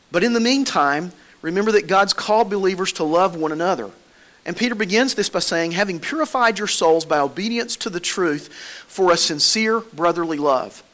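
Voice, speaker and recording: In a high, fairly bright voice, this Southern-accented pastor delivers a church sermon. He keeps it folksy and chatty, weaving in homespun tales.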